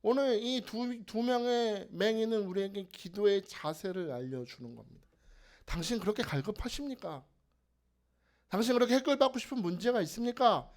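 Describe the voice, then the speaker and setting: A man preaching a sermon at a prayer house evening service, moving between quiet conversational asides and loud, impassioned cries of prayer. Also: high-pitched, normal speed. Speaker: pastor.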